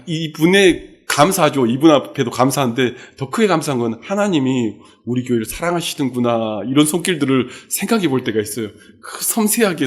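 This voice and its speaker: A male pastor giving a midweek sermon, telling stories and acting out the quotes in them. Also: mid-range voice. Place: church sanctuary.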